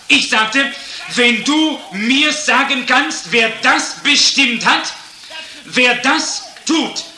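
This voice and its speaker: A man preaching a sermon, telling a story and then addressing the congregation in a slow, measured way. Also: very high voice, pushed and bright, roomy sound, low-quality recording.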